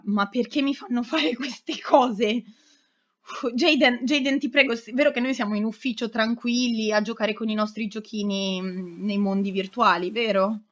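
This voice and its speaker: A young woman giving anxious, excitable commentary while playing a game, pleading and exclaiming as she goes. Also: on the high side, dull audio. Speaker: let's play host.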